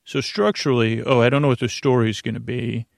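This bedtime podcast host speaks at medium pitch with fairly even intonation, his gravelly, creaky voice recorded cleanly on a close, dry mic with no room sound. The monologue meanders off topic, and he halts, stammers, repeats words and loses his thread.

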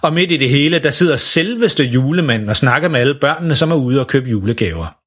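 A Danish man narrating a children's Christmas story with an expressive reading. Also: medium pitch, breathy edge.

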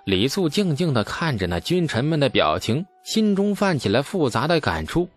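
A man narrating a historical novel as an audiobook in a steady storytelling manner. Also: a little high, moderate pace, faint music behind. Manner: steady storytelling with asides to listeners.

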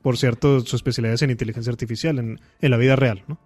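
A man's voice: medium pitch, steady tone, racing, darkish tone, husky, soft background music. A man, a podcast guest and author, talking casually with slang and many fillers.

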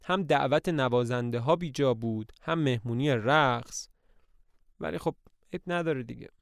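A man's voice: mid-range voice, gravelly, no room sound, studio quality, close to an everyday voice. A man reading the lines of an anxious aging woman who owns an estate, in a plaintive, pleading way.

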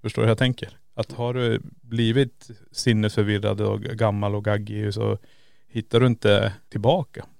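A man co-hosting a podcast, musing out loud and asking rhetorical questions in casual talk. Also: on the low side, little pitch movement, vocal fry, no echo, clean studio sound. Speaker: podcast co-host. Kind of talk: casual conversation.

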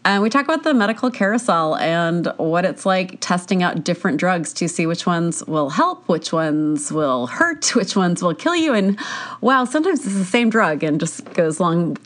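A woman's voice: lowish voice, sing-song, normal speed. A woman hosting a podcast, chatting casually through a cold, with a congested, stuffy nose and a tired sound. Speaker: podcast host. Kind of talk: casual podcast episode introduction.

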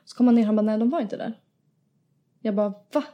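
A young woman, hosting a podcast and telling an animated story in casual chat, acting out quotes and laughing often. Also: a little high, dull audio. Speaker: podcast host.

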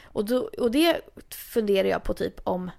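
A woman's voice: mid-range voice, lively intonation, vocal fry, a little mellow. A young woman in casual chat, rambling with lots of fillers. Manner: chatty, rambling, filler-heavy. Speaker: podcast co-host.

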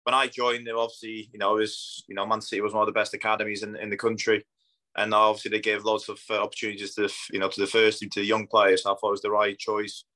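This Polish footballer in his thirties speaks plainly and conversationally in a relaxed interview, his first language being Polish. His voice is fairly deep and forceful, with little melodic movement and a quick pace, and the recording quality is low. You can hear Polish blended with Scandinavian and northwest English in his accent.

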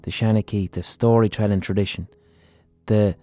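A man's voice: fairly low pitch, fairly even intonation, normal speed, mellow, dry recording, faint music behind. An Irish man hosting a podcast, talking casually and earnestly with some swearing. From Ireland. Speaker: podcast host. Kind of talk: casual spoken podcast introduction and interview.

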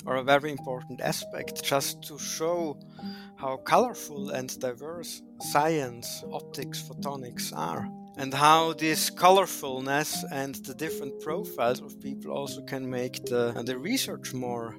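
Man from Austria, physicist, calm interviewee with soft music underneath. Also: mid-range voice, a little slow. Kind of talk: interview testimony.

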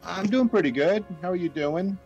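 A man's voice: sits high, animated, darkish tone, slightly rough, dull audio, faint music behind. Man on a hollow Skype line, like down a well. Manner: wry, halting, with trailing restarts. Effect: hollow Skype audio, as if at the bottom of a well. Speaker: guest on a call-in show. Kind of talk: casual chat. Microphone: Skype call from home.

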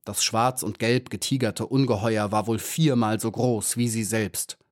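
A man reading a children's audiobook aloud. His voice is fairly low, and he tells the story in a measured, even way. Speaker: audiobook narrator. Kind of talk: scripted narration.

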